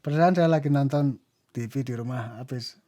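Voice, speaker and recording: Brief: male interview guest, mellow and reflective, acts out quotes within his story. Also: medium pitch, fairly quick. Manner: reflective, mixing in English phrases, acting out dialogue. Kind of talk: recounting a personal story in conversation.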